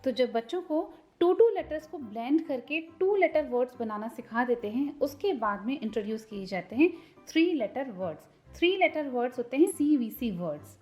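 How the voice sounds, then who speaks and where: A woman teaching phonics to parents as a channel host, sounding out letters slowly and repeating each one. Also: high-pitched, animated, darkish tone, lo-fi sound, faint music behind. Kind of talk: tutorial lesson for parents.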